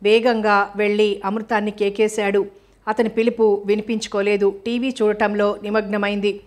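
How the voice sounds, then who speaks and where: Woman narrator for an audio novel, steady and flat. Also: mid-range voice, moderate pace.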